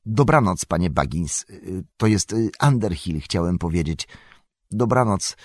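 A man voicing an excitable, fussy middle-aged male innkeeper who rambles and frets. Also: sits low, measured pace, no room sound, studio quality, pitched above the performer's own voice. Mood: fretful.

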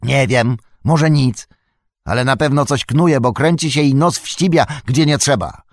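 A man voicing a brutal, threatening male orc soldier in an audiobook reading, with a gravelly, barking delivery. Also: mid-range voice, measured pace, no room sound, studio quality, natural voice. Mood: grumbling.

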